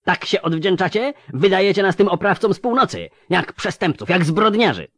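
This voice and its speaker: A man's voice: sits high, sing-song, moderate pace, fairly bright tone, dry recording, studio quality, voice pushed up, exaggerated voice. Betrayed elf officer screaming in rage, voiced by a male narrator. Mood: furious. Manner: screaming accusations.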